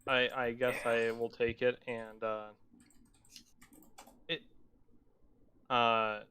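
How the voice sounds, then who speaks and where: A man playing a tabletop game who speaks hesitantly, stammering and soft. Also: medium pitch, flat delivery, very slow. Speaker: player. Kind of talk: tabletop role-play.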